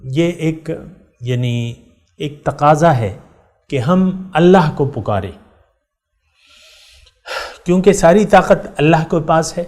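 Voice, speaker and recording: A middle-aged man giving a Quran lesson as a sermon, speaking straight to his listeners, repeating key words for emphasis and reciting verses slowly. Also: a little high, expressive, a little mellow. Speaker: Quran teacher.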